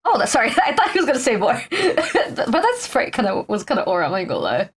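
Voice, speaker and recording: A woman's voice: a little high, wildly swooping pitch, quick pace, breathy edge. A young woman casually commenting as she plays a story game, chatty and full of fillers. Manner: chatty, filler-heavy, reads characters aloud. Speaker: let's play streamer.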